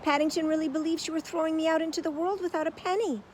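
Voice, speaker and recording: A woman's voice: very high-pitched, fairly even intonation, fast talker, darkish tone, a little hiss or hum, pitched above the performer's own voice. A woman voicing a gushing, theatrical actress in a storybook. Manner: gushing, says darling.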